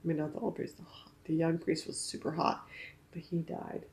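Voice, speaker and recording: A woman's voice: deep voice, flat delivery, a little fast, a little mellow. A woman co-reviewing a movie in casual banter, talking in a blunt, tipsy way. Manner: tipsy, blunt, interjecting talk. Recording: roomy, echoey sound.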